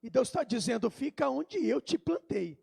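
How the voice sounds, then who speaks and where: A man with a Brazilian accent, a pastor preaching a sermon in a church, moving between quiet storytelling and shouted crescendos. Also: extremely high pitch, very animated, moderate pace, gravelly, breathy edge. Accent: Brazilian Portuguese. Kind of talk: Pentecostal sermon.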